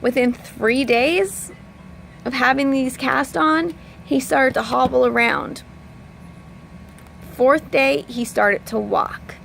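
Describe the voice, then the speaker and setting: Slow and high-pitched, with a creaky, fairly bright quality, a female personal development coach talks over slight background noise. It's a casual, sincere vlog chat where she rambles with plenty of filler like "you know" and "like," sharing her feelings openly.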